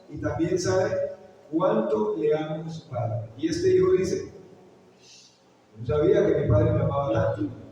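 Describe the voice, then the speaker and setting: Pastor in an echoey church hall. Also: male voice, fairly high pitch, warm tone, a little hiss or hum. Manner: storytelling with questions to the congregation. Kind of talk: sermon. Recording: echoey hall, picked up from far off.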